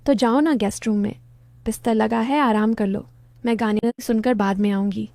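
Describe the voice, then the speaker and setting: A woman's voice: a little high, fairly even intonation, a little mellow, no room sound, clean studio sound, close to an everyday voice. A woman reading as a teasing young wife. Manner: teasing, brisk.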